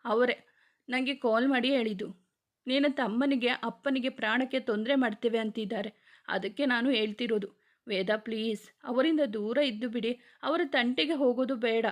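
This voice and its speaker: A woman's voice: a little high, normal speed, natural voice. A woman reading the part of a worried young wife who pleads and argues emotionally. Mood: pleading.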